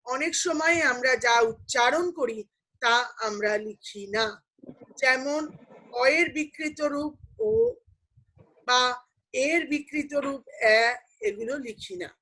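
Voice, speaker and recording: A woman's voice: high voice, slow pace, pauses often, sharp tone, low-quality recording. A woman teacher explaining grammar to students, patiently asking questions and answering them herself. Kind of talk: online class lecture.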